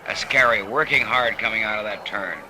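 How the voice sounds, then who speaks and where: Man, film narrator, low voice, wry relaxed commentary, old noisy 1950s film soundtrack. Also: brisk. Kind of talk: commentary narration over race footage. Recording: hissy, noisy vintage film recording.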